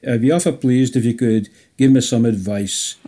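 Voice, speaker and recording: A man's voice: medium pitch, steady tone, normal speed, dark tone. A man with a Scottish accent asking a question as a radio listener in a recorded message. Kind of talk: unhurried spoken question.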